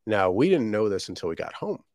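A man's voice: fairly low pitch, big pitch swings, fairly quick, darkish tone, no room sound, clean studio sound. A man from Jamaica, a guest in his thirties, telling his business story in a rambling, casual way with many ums and restarts. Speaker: guest, shortbread business owner.

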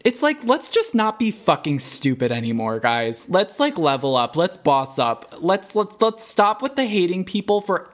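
A woman's voice: fairly low pitch, sing-song, normal speed, few pauses. A young woman co-hosting a podcast, chatting casually with lots of fillers and swearing. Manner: many fillers, swears, laughs often. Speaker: podcast co-host. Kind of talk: casual chat.

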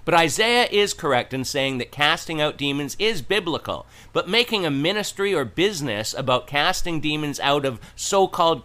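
A man's voice: on the high side, pushed and bright. A man hosting with scripted religious commentary, speaking in an admonishing, declarative way.

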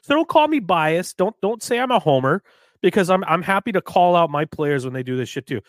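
Animated swearing man on a podcast. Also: high voice, a little fast, dry recording. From New Hampshire. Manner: animated, swears freely, gets heated. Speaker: podcast co-host. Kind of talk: casual sports podcast chat.

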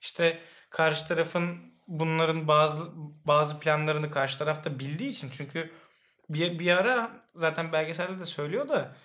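Young male co-host, high-pitched, easygoing, rambling explanations. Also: moderate pace. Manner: relaxed, explains at length with fillers. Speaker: podcast co-host. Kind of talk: casual chat.

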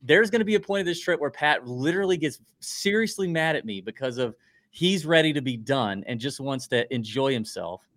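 A man's voice: mid-range voice, lively intonation, a little fast, fairly bright tone, no room sound, clean studio sound. A man hosting a show in a casual, chatty style. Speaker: show host. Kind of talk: casual sports-betting chat.

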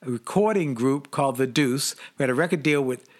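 An older man telling a story in casual chat, animated and laughing, acting out the voices in his quotes. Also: medium pitch, a little fast.

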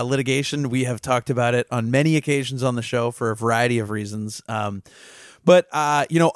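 A man hosting a podcast, explaining legal news in a casual, explanatory way with frequent filler pauses. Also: medium pitch, dry recording, studio quality. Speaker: podcast host and legal reporter. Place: New York.

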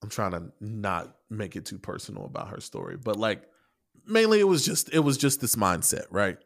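A man's voice: lowish voice, big pitch swings, normal speed, creaky. A man in casual podcast chat, rambling with many restarts and casual swearing as he explains an article he wrote. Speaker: podcast co-host and article writer.

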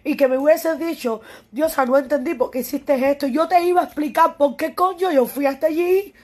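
Cuban woman ranting to camera, high voice, teary and worn out, swears a lot, says stuff over and over. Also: brisk, a little mellow. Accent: Cuban Spanish. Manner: impassioned, repetitive, profane, pleading. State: tearful and weary. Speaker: musician addressing a critic. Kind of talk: emotional direct-to-camera monologue.

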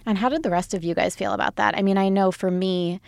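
A woman's voice: mid-range voice, fairly even intonation, fast talker, gravelly, darkish tone, no room sound, clean studio sound. A woman in her twenties hosting a casual podcast chat, talking easily and laughing often. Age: 20s. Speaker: host.

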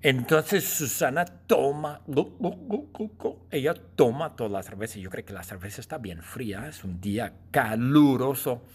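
A male teacher telling a silly story to learners, slow and repetitive, playful, with sound effects and laughs. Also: medium pitch, expressive, husky. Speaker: language teacher.

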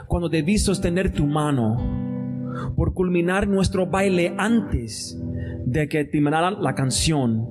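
A man with a Puerto Rican accent, performing spoken word poetry at a bar event after chatting loosely to the crowd. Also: a little high. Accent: Puerto Rican Spanish. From Puerto Rico. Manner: chatty, loose intro with English "so" fillers. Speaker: poet. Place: bar event space, indoors. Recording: live mic with guitar music behind. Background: guitar music.

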